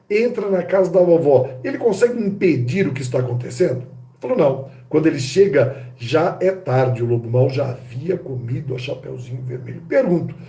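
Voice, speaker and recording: Male lecturer, Brazilian Portuguese accent, slightly high, warm tone, theatrical questioning style, echoey room. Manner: rhetorical questions to the audience, lively and theatrical. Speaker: teacher.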